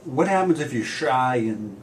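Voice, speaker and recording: A man's voice: medium pitch, lively intonation, unhurried, poor audio. A man hosting a radio interview, introducing the guest and asking plain, friendly questions. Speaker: radio host.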